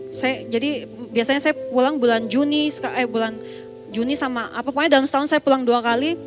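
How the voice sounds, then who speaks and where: Earnest high-voiced woman preacher. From Indonesia. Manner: earnest, personal storytelling with pauses and restarts. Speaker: evangelist preacher. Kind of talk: testimony sermon.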